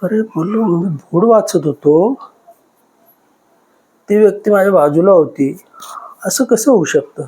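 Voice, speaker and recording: A man in his fifties with a fairly high voice tells a podcast host about a ghost encounter from his past. He talks in an emotional, repetitive way and keeps circling back to the same moments. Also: unhurried, long pauses, dark tone, slightly rough. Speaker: podcast guest. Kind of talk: recounting a personal ghost experience.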